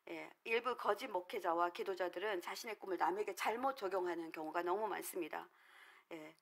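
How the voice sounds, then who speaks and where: A middle-aged woman pastor, also a counselor, giving an earnest, explanatory sermon at a prayer meeting, with frequent filler words. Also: medium pitch. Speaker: counselor trained in dream analysis.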